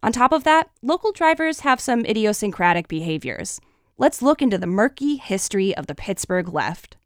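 A woman's voice: mid-range voice, very animated, moderate pace, a little hiss or hum. A woman radio host reading scripted explanatory narration for a public radio podcast.

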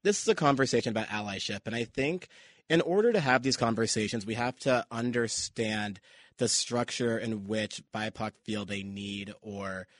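A man hosting a radio panel discussion, introducing guests with measured, courteous questions. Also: fairly low pitch, fairly bright tone, no echo. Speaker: radio show host.

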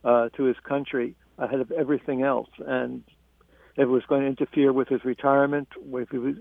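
A man, an author being interviewed about his book, speaking in a measured, halting way with frequent restarts. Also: medium pitch, vocal fry, no echo. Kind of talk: radio interview. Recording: tinny phone line.

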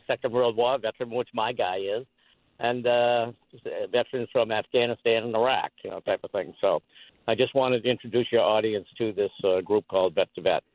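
A low-voiced man heard over a tinny phone line, calling in and rambling along with plenty of pauses and filler words. The line is narrow and dry, with no room sound at all. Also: no echo. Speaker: call-in caller.

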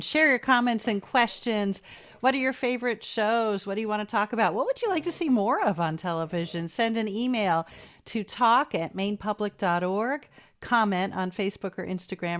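Female call-in radio host, mid-pitched. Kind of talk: live radio hosting and interviewing.

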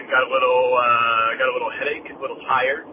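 A man's voice: mid-range voice, little pitch movement, moderate pace. Man in his 30s, casual caller voice message played over a phone line; tinny, noisy, loose and chatty delivery. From Massachusetts. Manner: chatty, rambling, upbeat then wistful. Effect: played back voice message over a phone line. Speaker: listener calling in. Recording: tinny phone voicemail with loud background noise.

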